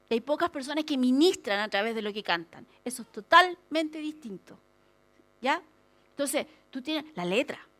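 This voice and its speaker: A woman pastor preaching a lively sermon, acting out prayers and complaints with humorous asides. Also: high-pitched.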